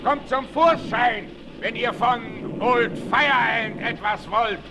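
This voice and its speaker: A man's voice: very high-pitched, slow, noisy background, exaggerated voice. A man playing a bold, self-assured frontier leader in a 1960s German radio play, hearty and commanding. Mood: defiant. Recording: old vinyl with music behind.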